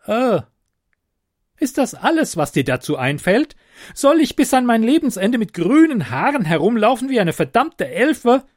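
A man reading a story aloud, voicing Sally, a small, boastful and cheeky male kobold in a high, excitable, wheedling voice. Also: a little slow, no room sound, studio quality.

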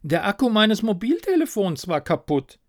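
A man's voice: high-pitched, very animated, moderate pace, dry recording, clean studio sound, pitched above the performer's own voice. A man voicing the fretful, self-pitying ghost of a dead product manager, nagging in a raised voice.

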